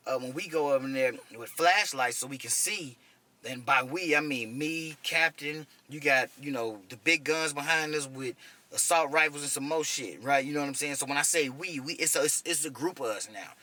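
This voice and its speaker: Guy in his 30s telling army medic stories, swears a lot, really bright edgy voice. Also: on the high side, normal speed. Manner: profane, conversational, keeps asking "you know what I'm saying". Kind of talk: casual first-person storytelling.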